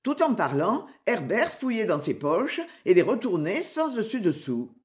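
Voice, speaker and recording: A woman narrates an adventure tale aloud, her voice rising and falling in a lively, animated way. Her pitch sits in a middle range, and she reads expressively throughout. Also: a little slow. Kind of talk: storybook reading.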